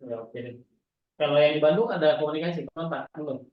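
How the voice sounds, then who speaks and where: A man's voice: a little high, brisk. Murmuring man on an echoey video call. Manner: murmured short replies. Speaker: class participant. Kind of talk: casual online class chat. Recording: echoey, dull lo-fi sound.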